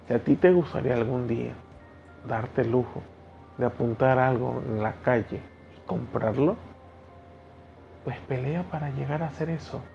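A medium-pitched, mellow male voice with vocal fry belongs to an Ecuadorian podcast host in his thirties with an Ecuadorian Spanish accent. On his solo motivational show he lectures the listener bluntly and preachily, in dull lo-fi sound with faint music.

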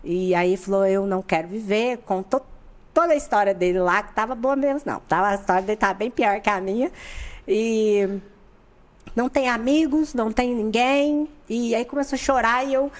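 A woman from Brazil, a podcast guest, telling a personal story in candid, informal chat and acting out the people in it. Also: normal speed. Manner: animated, acts out the people in her story with sudden jumps in pitch; candid and informal, with slang and frequent laughter. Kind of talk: personal storytelling in a casual interview.

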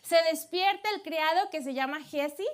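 A woman preacher retelling a Bible story in a lively, animated way, laughing often as she talks to her church. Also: high voice, normal speed. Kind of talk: sermon storytelling.

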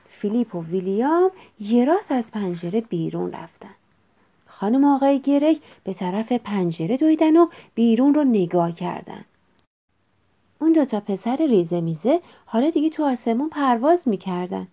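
A woman reading a children's story aloud in an expressive, measured way. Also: fairly high pitch. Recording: dull lo-fi recording.

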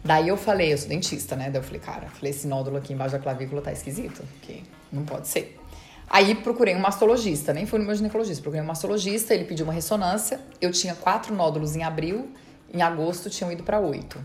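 A woman guest on an interview podcast, casually recounting her story in a fast, chatty way and quoting past conversations. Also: fairly low pitch, faint music behind. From Brazil. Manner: fast, chatty retelling with quoted dialogue. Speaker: dentist and marathon runner.

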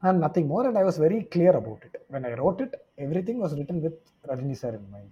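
A man's voice: fairly high pitch, sing-song, rapid-fire, warm tone, husky, dull audio. A man with a South Indian Tamil accent explaining his views in casual conversation, switching between English and Tamil.

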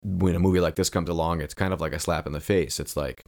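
A man with a very low, deep voice co-hosts a casual podcast. He talks in an earnest, reflective way and stretches out the phrases he wants to stress. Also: fairly even intonation, fast talker, darkish tone. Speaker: podcast co-host. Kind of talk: casual film discussion.

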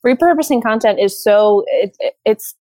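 A woman's voice: fairly high pitch, lively intonation, moderate pace, warm tone, no echo, rough recording. A woman social media consultant giving advice in a podcast interview, explaining in a casual way with fillers like "you know" and "like". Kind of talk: conversational interview.

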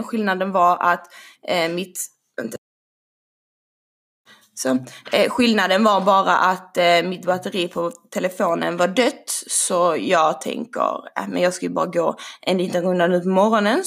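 A young woman telling a story casually, animated and swearing now and then. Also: medium pitch, creaky. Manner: animated, swearing, acts out quotes.

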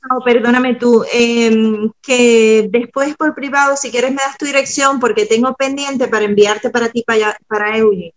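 A woman from Cuba chatting as a podcast guest, talking through her daily habits and often slowing down to explain them. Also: a little high, fairly even intonation, highs cut off. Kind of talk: casual podcast chat.

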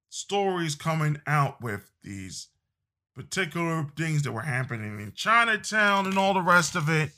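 A man delivering a political monologue at a slow, deliberate pace. His voice is bright and somewhat high-set, and he hammers points by repeating phrases and restarting sentences. The delivery is emphatic and unscripted. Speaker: political commentator. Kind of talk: opinion monologue.

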